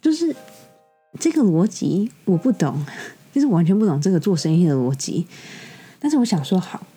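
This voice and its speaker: A young woman with a Taiwanese Mandarin accent, hosting a podcast and telling a story in an exasperated, lively way. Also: lowish voice, normal speed, husky. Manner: exasperated, animated retelling with quoted dialogue. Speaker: podcast host. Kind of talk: casual storytelling monologue. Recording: soft music bed behind. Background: faint background music.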